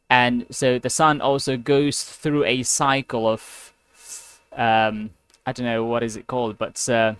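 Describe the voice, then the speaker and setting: A man tutoring English one-on-one over a video call, talking slowly and patiently with many fillers. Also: mid-range voice, a bit bright, clean tone, dry recording. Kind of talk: one-on-one class conversation. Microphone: computer mic on a video call.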